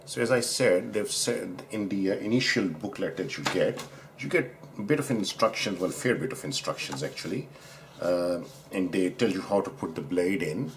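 Animated and low-voiced, a Pakistani doctor keeps a moderate pace while chatting through a razor unboxing at his desk. The indoor setting has an overhead camera, and he rambles, corrects himself, and admires the parts. There's a little hiss or hum.

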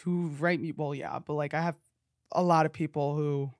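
A man's voice: on the high side, steady tone, moderate pace, no echo. A young man from New Jersey hosting a podcast, chatting casually in a playful, campy way with lots of fillers, on a studio mic in a small cozy set. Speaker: podcast host. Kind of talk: casual chat. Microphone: studio mic on boom arm.

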